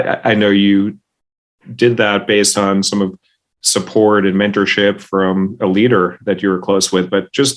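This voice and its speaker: Male podcast host with a lowish voice. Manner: friendly, halting, many restarts. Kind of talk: casual interview conversation.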